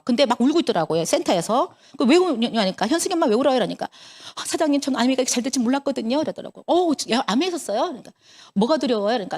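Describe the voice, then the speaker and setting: Woman, 50s, Busan-area Korean accent, high and animated motivational speaker with a quick tempo. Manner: animated storyteller acting out dialogue. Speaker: network marketing business leader. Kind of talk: motivational talk to an audience.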